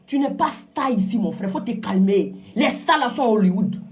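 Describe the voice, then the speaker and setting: A woman's voice: medium pitch, animated, normal speed. A woman ranting on a phone live stream from home, scolding and emphatic, repeating words for force. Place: home, indoors.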